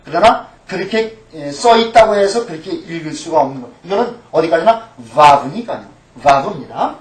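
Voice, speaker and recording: A man's voice: a little high, expressive, normal speed. A middle-aged pastor teaching a Hebrew class, patiently repeating each letter name and asking questions that he then answers himself. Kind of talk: recorded language lecture. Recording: echoey room, mic at a distance.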